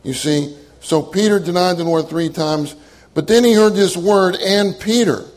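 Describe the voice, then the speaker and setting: High-voiced man preaching earnestly. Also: unhurried, low-quality recording. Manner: earnest, emphatic, repeats key phrases. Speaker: minister. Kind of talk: sermon.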